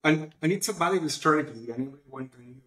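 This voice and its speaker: This male guest's voice runs a little high and fairly bright, with lively intonation and a slightly fast delivery. He founded a publishing platform and answers interview questions in a conversational way, recorded in an echoey room.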